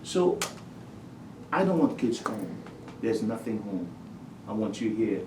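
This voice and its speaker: Animated male school principal from Trinidad. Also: lowish voice, slow, background noise. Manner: animated storyteller, acts out his talks with students. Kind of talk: casual interview storytelling. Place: school office. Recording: echoey room, distant mic.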